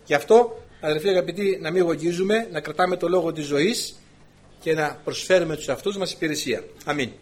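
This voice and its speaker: A man preaching a sermon to his congregation, telling a lively personal story as he goes. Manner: animated storytelling, voice climbing high when excited. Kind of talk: sermon with anecdote.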